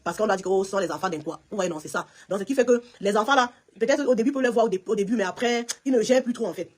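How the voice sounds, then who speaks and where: A woman's voice: mid-range voice, rapid-fire. A woman from Cameroon with a Cameroonian French accent, chatting emphatically on a live stream and talking straight to viewers by name. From Cameroon, West region. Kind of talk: casual live-stream chat answering viewers.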